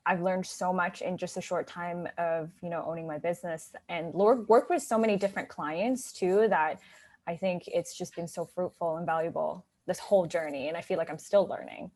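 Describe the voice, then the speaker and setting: A woman in her thirties, a guest consultant talking casually in an interview, with lots of "like" and "you know". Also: on the low side. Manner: chatty, many "like" and "you know" fillers.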